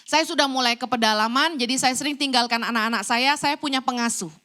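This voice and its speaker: A middle-aged woman preaching a church sermon, telling a personal story in an animated way and acting out the lines people said to her. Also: high voice, fast talker. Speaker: evangelist preacher.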